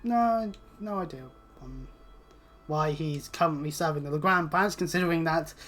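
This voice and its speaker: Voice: mid-range voice, moderate pace, fairly bright tone. A British let's player giving casual, rambling gameplay commentary with plenty of swearing and sarcasm. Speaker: video game let's player. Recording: game music behind the voice. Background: video game music.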